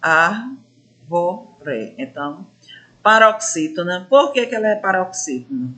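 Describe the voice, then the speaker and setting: A woman teaching a grammar lesson, drawing out syllables slowly to show stress and asking her pupils questions. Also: lowish voice, very animated, a bit bright. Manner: addresses pupils as gente, asks questions. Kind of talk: classroom lesson explanation.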